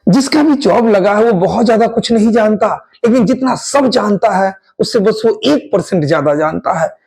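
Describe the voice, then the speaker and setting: A man teaching English grammar for competitive exams, drilling students with quick questions and repeating answers, spelling word endings out letter by letter. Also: high-pitched, animated, gravelly, a little mellow, low-quality recording. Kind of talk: exam-prep grammar lesson.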